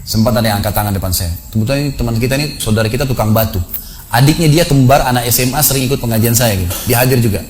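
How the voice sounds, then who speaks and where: A man preaching a sermon, telling a story that swings between hushed and raised passages. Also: medium pitch, very fast, slight background noise. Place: mosque.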